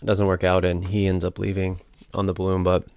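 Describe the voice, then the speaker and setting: A man's voice: low voice, monotone, brisk, gravelly, darkish tone, no room sound. A man hosting a casual solo book discussion. He thinks aloud and hesitates, correcting himself as he talks into a battery-powered microphone. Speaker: podcast host.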